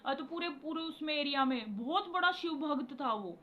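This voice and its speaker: A woman's voice: high-pitched, animated, normal speed, highs cut off. A young woman vlogger telling a personal story to camera in a rambling, emotional way, often repeating herself and calling her viewers guys.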